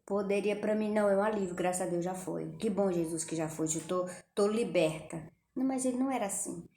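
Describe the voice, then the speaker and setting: A woman's voice: medium pitch, brisk, mellow, slight background noise. A middle-aged Brazilian woman chatting casually to her viewers at home, talking straight to them and often dropping religious phrases. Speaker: vlogger. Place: home kitchen. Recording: echoey room with faint ambience.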